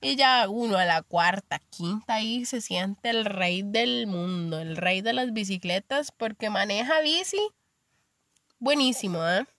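A woman's voice: mid-range voice, animated, unhurried, fairly bright tone, no room sound. A young woman with a Costa Rican accent, hosting a podcast and telling stories in a chatty, filler-heavy monologue. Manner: chatty storytelling with frequent fillers. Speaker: podcast host. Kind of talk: casual monologue.

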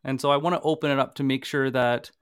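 A man's voice: medium pitch, fairly even intonation, fast talker, clean tone, dry recording, studio quality. A man from Canada co-hosting a live sales workshop and podcast, talking conversationally with everyday examples and the odd stammer. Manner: conversational, uses homely examples, slight stammers. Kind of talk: casual live webinar talk.

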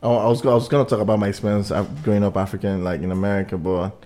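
Mellow man with a thick Igbo Nigerian accent. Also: on the low side, steady tone, rapid-fire, soft background music. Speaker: podcast host. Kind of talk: casual chat.

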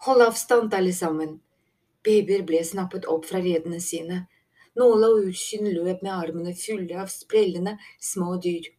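A woman reading a fantasy novel aloud as an audiobook narrator, in calm, even storytelling. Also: lowish voice. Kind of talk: scripted narration.

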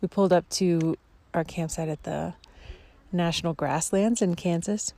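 A woman's voice: lowish voice, steady tone, normal speed, mellow. A woman talking casually to a vlog audience in a reflective, hesitant way. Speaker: family camping vlogger.

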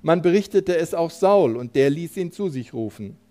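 Brief: male pastor reading a Bible story in a sermon, clear storytelling delivery, somewhat high voice. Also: animated, moderate pace, dark tone. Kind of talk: sermon, reading scripture aloud. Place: church.

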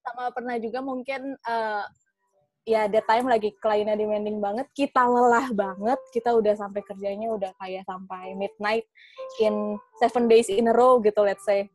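A woman's voice: medium pitch, steady tone, moderate pace, soft background music, low-quality recording. A young woman chatting casually in a podcast, rambling with fillers and restarts, often laughing. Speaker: guest.

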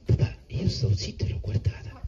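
A man voicing a naive, eager young son who excitedly tells his father his adventures. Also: normal speed, crowd noise, close to an everyday voice. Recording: muffled with steady background noise.

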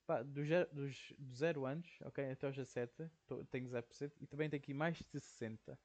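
A man's voice: mid-range voice, steady tone, a little fast, darkish tone. A young man from Portugal with a European Portuguese accent, hosting his own podcast in a casual, rambling solo monologue and tagging nearly every phrase with "ok?". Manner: rambling, says "ok?" constantly, slangy. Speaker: podcast host.

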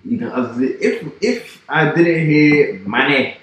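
A man's voice: fairly high pitch, animated, slow, fairly bright tone. A young man co-hosting a podcast, chatting casually with jokey, rambling banter. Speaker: podcast co-host. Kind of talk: casual chat. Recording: echoey room.

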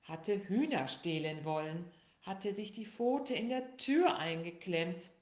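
A woman reading a children's story aloud in a slow, lively, expressive way. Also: fairly low pitch. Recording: echoey room.

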